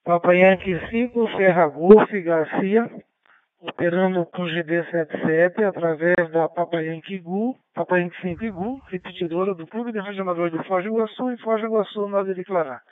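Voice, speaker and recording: A man, an amateur radio operator, checking into a radio net over a two-way radio link and reciting call signs quickly. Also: high voice, dry recording. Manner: rapid call-sign recitation. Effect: heard over a two-way radio link. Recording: tinny narrow radio transmission.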